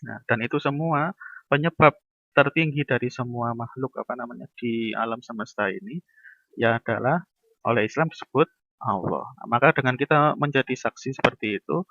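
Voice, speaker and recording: A man's voice: medium pitch, sharp tone, no echo, highs cut off. A man giving a casual university lecture, talking through everyday examples and acting out little dialogues.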